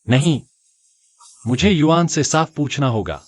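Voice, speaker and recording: A man's voice: fairly high pitch, expressive, a little slow. A man voicing a remorseful father who pleads with his estranged wife in a dubbed drama. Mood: anguished. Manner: pleading, anguished. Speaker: dubbed actor. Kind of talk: Hindi drama dubbing.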